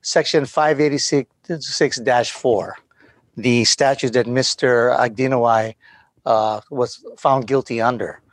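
Male appellate lawyer, medium pitch, dry sound. Formal argument delivered haltingly, in broken-up phrases. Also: steady tone, no echo. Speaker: defense attorney arguing an appeal. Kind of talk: formal oral legal argument.

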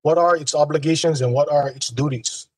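Husky, higher-pitched man arguing in court. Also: a little fast, darkish tone, dry recording. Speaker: attorney. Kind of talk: formal oral legal argument.

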